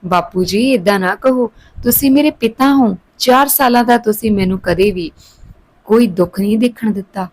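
A woman's voice: mid-range voice, moderate pace, a little mellow, lightly acted. Woman reading as a pleading young daughter-in-law.

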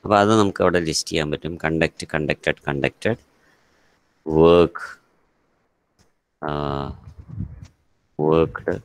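A man's voice: extremely low pitch, unhurried, long pauses, no echo. A man with a Malayali accent teaching English grammar in an online class, switching between Malayalam and English and calling on students by name.

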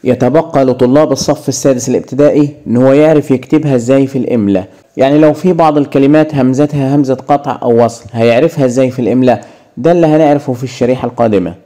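A man's voice: medium pitch, very fast, mellow. A man teaching an Arabic grammar lesson in an Egyptian accent, asking questions and answering them himself.

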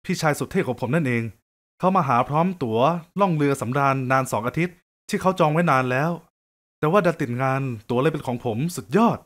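Upbeat male storyteller with a fairly high voice; casual, joking first-person narration. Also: brisk. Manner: lively, joking, conversational.

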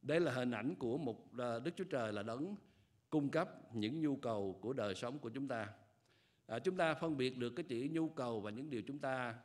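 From a church pulpit, an older man, a pastor, delivers a sermon into a pulpit microphone. His mid-range voice is animated, and his delivery is measured and earnest, full of hesitation fillers as he explains each point.

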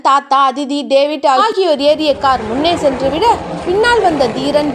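A young adult woman narrating a novel aloud in a steady, dramatic reading. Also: high-pitched, very noisy. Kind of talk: storybook narration.

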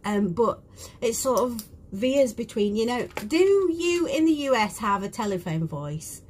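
Woman, broad British accent, unhurried live-stream chatter with whispered asides, small cabin, faint hum behind. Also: on the high side, animated. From United Kingdom. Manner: chatty, drops into soft whispered asides while working. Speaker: beauty vlogger. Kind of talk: casual live makeup chat. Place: small cruise ship cabin.

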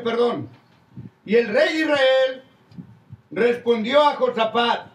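High-voiced older pastor preaching. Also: male voice, a bit bright. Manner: preaching with many "hermano" asides. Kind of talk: sermon. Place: church hall with crowd, indoors. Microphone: stand mic at pulpit. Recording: echoey room, distant from mic.

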